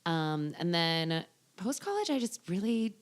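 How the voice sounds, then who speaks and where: Woman, low pitch, twenties, casual podcast chat, chatty, laughs a lot, trailing asides. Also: very animated, a little slow, smooth. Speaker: podcast guest.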